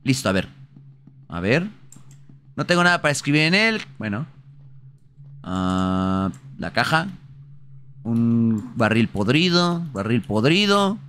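A Mexican man doing casual live gameplay commentary, excitable and foul-mouthed, often bursting into shouts. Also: medium pitch, slow, long pauses, slight background noise. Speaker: livestreamer playing a video game. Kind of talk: casual live gameplay commentary, translating on-screen text aloud.

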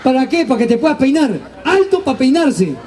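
A man telling stand-up stories on stage, animated, slangy and crude. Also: very high-pitched, fairly quick, a crowd in the background, background noise. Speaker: stand-up comedian. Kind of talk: stand-up storytelling. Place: live stage show.

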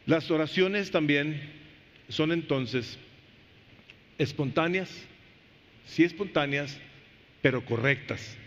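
A man preaching a sermon as pastor in a church. He questions the congregation directly and swings between soft low phrases and loud, high emphasis. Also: takes it slowly, long pauses. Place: church sanctuary. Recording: reverberant church hall, dull lo-fi sound.

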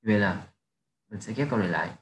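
A man with a fairly low voice explains test answers step by step, reading English phrases. The recording sits in an echoey room with a faint hiss. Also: quick pace, highs cut off. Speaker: English teacher. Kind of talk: exam answer walkthrough.

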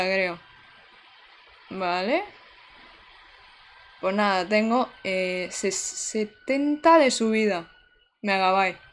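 A young woman, chatting to her viewers while playing a game live. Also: on the high side. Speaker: streamer. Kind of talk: live gameplay commentary.

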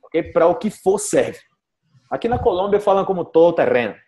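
A man's voice: sits high, big pitch swings, fairly quick, warm tone, a little hiss or hum. A Brazilian man teaching Portuguese expressions to a group over a video call. He explains patiently, repeats his examples and often checks with "ok?" and "cara".

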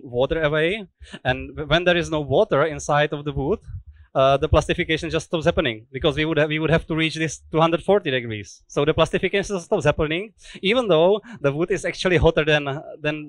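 This is a native Czech speaker in his thirties, using English to walk a factory tour through how guitars are made, talking into a headset mic inside a guitar workshop and often restarting or using fillers. He sounds on the high side, and the low-quality audio has no echo.

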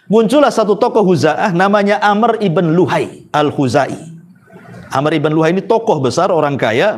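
A man preaching a storytelling sermon, conversational, with rhetorical questions and frequent tag words. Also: high-pitched.

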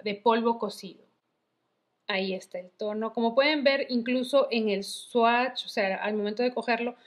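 A woman reviewing makeup in a chatty, casual way, full of diminutives. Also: a little high. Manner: chatty, uses many diminutives. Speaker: beauty vlogger.

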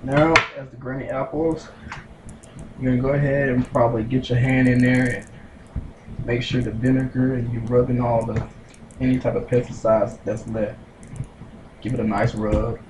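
In his small home kitchen, a young home cook casually demonstrates a recipe at the counter, explaining each step unhurriedly with many fillers and little pauses. His medium-pitched voice echoes around the room, picked up by a distant camera mic over loud, steady background noise.

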